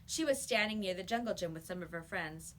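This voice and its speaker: A woman's voice: lowish voice, lively intonation, brisk, a bit bright, slight background noise. A woman reading a children's story aloud like a teacher, with emphatic, dramatic storytelling.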